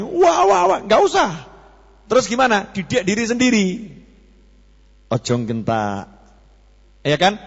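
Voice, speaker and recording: A man's voice: high voice, fairly bright tone. Man preaching in a reverberant hall. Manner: chatty, teasing questions to the audience. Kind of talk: sermon. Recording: long reverb, dull lo-fi sound.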